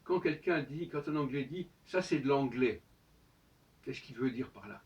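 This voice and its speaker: A man's voice: mid-range voice, animated, moderate pace. A man giving a solo spoken monologue as host, lecturing with emphatic rhetorical questions. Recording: distant, dull lo-fi sound.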